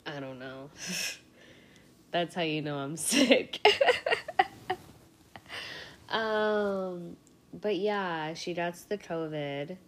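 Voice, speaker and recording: A woman's voice: fairly low pitch, extremely slow, pauses often. A young woman hosting a casual solo podcast, sick and rambling, swearing freely and laughing often. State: sick with a cold, congested voice. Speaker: podcast host.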